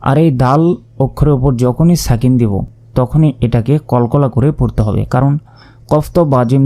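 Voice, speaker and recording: A man teaching Quran reading, spelling each word out letter by letter and then chanting it slowly and drawn out. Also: mid-range voice, vocal fry, dark tone. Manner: slow drawn-out chanted recitation between spoken explanations. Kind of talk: spelling out recitation step by step.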